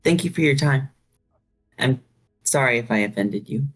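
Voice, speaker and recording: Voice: medium pitch, expressive, moderate pace, slightly rough. A player speaking in character, polite and apologetic, with some hesitation.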